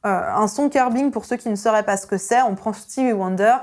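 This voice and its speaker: A young adult woman teaching an online singing lesson as a vocal coach, energetic and emphatic. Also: mid-range voice, brisk. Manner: energetic and emphatic, with sung vowel demonstrations.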